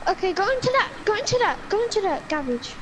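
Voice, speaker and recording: A gamer from England chatting with slang and repeated calls during a match. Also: female voice, very high voice, sing-song, fast talker, background noise. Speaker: gamer teammate. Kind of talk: casual gaming chat. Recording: loud game audio behind.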